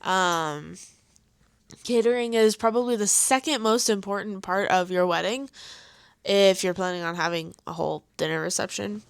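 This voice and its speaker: An American woman hosting a casual podcast chat in a halting, conversational way, with slightly soft R's. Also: medium pitch, creaky, clean tone, no echo, clean studio sound. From Colorado, United States. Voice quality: soft R's, not fully pronounced. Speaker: podcast host, bride-to-be.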